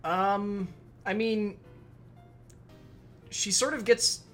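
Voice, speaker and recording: A man hosting a let's play who rambles casually and swears now and then as he plays. His voice is bright and a touch high, with faint game music underneath. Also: steady tone, very slow. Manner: rambling, swears, reads game text aloud. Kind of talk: casual gameplay commentary.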